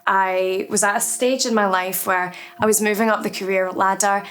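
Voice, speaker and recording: A woman's voice: mid-range voice, fairly even intonation, normal speed. A woman in her thirties from Edinburgh with a Scottish accent, speaking reflectively and candidly in a documentary interview. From Scotland, Edinburgh. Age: 30s. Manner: reflective, candid, softly spoken. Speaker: artist.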